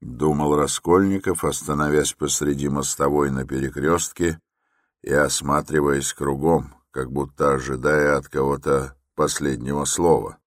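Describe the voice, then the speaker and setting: A man narrating a classic novel as an audiobook in a measured, even reading. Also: extremely low pitch, dry recording, clean studio sound. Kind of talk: scripted literary narration.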